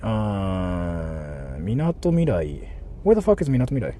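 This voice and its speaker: On a livestream with faint vehicle noise in the background, a Japanese-accented man who speaks Japanese natively chats in a casual, slangy way and repeats himself a lot. His voice sits low and warm, very animated yet unhurried.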